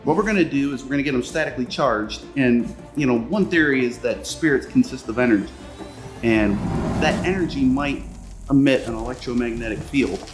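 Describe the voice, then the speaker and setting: Male investigator, medium pitch, informal and self-deprecating to camera, light music underneath. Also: fairly quick. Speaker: paranormal investigator. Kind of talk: casual talk to camera. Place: stuffy indoor upper room.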